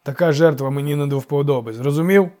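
A man voicing a gruff, goat-legged male forest god who grumbles curt orders. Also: on the high side, fast, mellow, close to an everyday voice.

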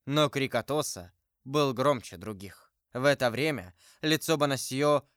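A man reading a novel aloud in a measured, dramatic audiobook narration. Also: mid-range voice, expressive, a bit bright, no room sound, studio quality.

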